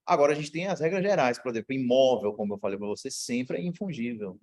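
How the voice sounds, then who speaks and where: A husky-voiced man from Brazil teaching a university law class. He lectures casually, mixing slang and personal stories into his explanations, with his voice at a middle pitch for a man. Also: animated, fast, a little mellow, poor audio. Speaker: law professor. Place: lecture room.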